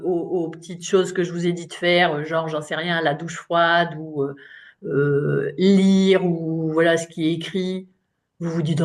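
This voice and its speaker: A woman in her late fifties, a coach giving an informal talk in French, chatty and self-mocking with frequent fillers. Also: lowish voice. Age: 50s. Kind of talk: live online talk to an audience.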